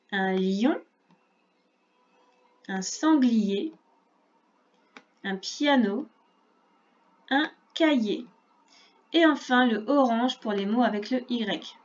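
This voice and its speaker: A woman teaching a reading lesson to young children, speaking slowly and clearly and spelling out sounds patiently. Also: a little high, expressive, a little mellow, highs cut off. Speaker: primary school teacher.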